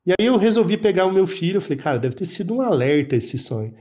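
Mellow-voiced man telling a personal story. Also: high-pitched, big pitch swings. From Brazil. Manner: emotional, reflective, halting restarts. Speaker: panel guest.

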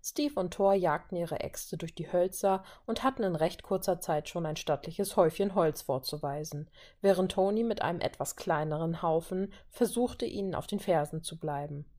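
A woman reading a story aloud in a calm, even way. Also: lowish voice, normal speed, hardly any pauses. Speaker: reader. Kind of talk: reading fan fiction aloud.

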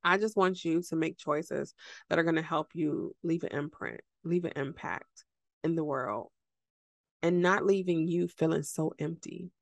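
A woman's voice: low voice, unhurried, creaky, no echo. A woman hosting a podcast, giving an emphatic, preachy motivational talk straight to her listeners, repeating phrases for effect and laughing often. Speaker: podcast host.

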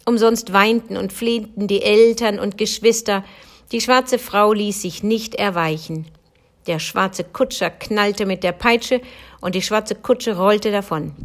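A woman from Germany reads a fairy tale aloud as a bedtime story. Her delivery is calm and measured, with steady storytelling pacing. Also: mid-range voice. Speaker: reader.

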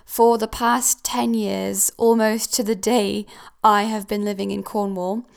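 A woman's voice: medium pitch, level tone, measured pace, gravelly, clean tone. A young woman who grew up in Switzerland, hosting a casual solo podcast and chatting with frequent ums and self-corrections. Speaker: podcast host. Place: new house.

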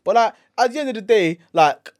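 A man's voice: high voice, lively intonation, a little fast, no room sound, studio quality. A young man with a London roadman accent bantering and telling stories casually, full of street slang and repeated words. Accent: London, urban street slang. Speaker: podcast co-host.

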